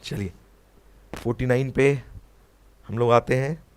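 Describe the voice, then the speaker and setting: A man's voice: medium pitch, steady tone, unhurried, darkish tone. A young man with an Indian English accent teaching an online exam-prep lesson. He explains each answer, mixes in English phrases and keeps checking in with listeners. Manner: explains answers, mixing Hindi with English phrases, often asks "है ना?".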